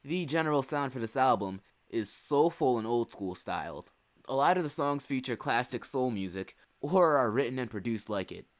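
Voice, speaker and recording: A man's voice: mid-range voice, lively intonation, normal speed, slight background noise. A young man giving a scripted, earnest album review with dry asides, hosting his own video. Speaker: music reviewer. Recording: faint music bed behind voice.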